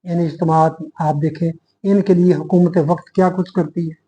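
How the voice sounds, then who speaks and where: A man with a Pakistani Urdu accent gives a sermon-style lecture in a fairly high voice. He speaks earnestly, addressing his listeners as brothers and reasoning aloud, restarting sentences as he explains. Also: steady tone, normal speed, dark tone, muffled recording. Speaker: religious speaker.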